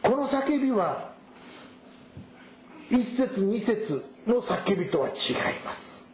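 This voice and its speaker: A male pastor preaching a sermon, reading scripture verses and explaining them at a measured pace. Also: sits high, very animated, a little mellow, slight background noise. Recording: roomy echo, dull sound.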